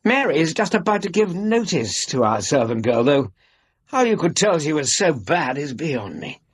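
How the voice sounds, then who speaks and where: Doctor Watson, animated husky English gentleman. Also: on the high side, moderate pace. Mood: amused, teasing. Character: Doctor Watson, warm, affable Victorian gentleman doctor, middle-aged. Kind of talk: radio drama acting.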